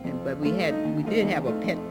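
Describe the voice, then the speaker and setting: An older woman, a former pupil, calmly remembering her school days in an oral history. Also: low voice, a little fast, over loud music, low-quality recording.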